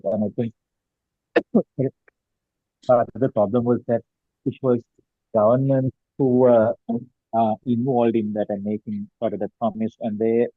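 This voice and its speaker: A man's voice: medium pitch, no echo. A man in a focus group meeting explains things hesitantly, with many fillers and restarts, over a video call line that keeps cutting out. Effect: choppy video call line that cuts in and out. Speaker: focus group participant from an education nonprofit. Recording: tinny dry call line.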